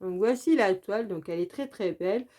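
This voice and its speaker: A woman's voice: medium pitch, fairly quick, mellow. A woman from France narrating a casual craft unboxing as host of her channel, chatty and repetitive, with many fillers. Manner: chatty, repeats "donc" and "très, très" often.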